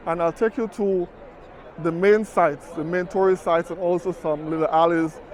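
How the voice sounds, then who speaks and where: A high-voiced man with a darkish tone speaks at normal speed with fairly even intonation, vlogging his travels in a chatty, conversational way and saying "you know" a lot. He's walking city streets outdoors with a camera mic, and a faint crowd can be heard.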